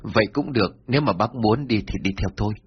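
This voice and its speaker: A man's voice: lowish voice, fast, slightly rough. A man doing a humble older village chief. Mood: earnest. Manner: earnest, self-reproaching. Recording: dull lo-fi, faint music.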